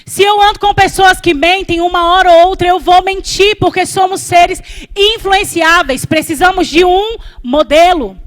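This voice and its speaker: A woman's voice: very high voice, normal speed. A woman evangelist with a Brazilian Portuguese accent preaching a sermon to a congregation, driving her points home with repeated refrains and direct address.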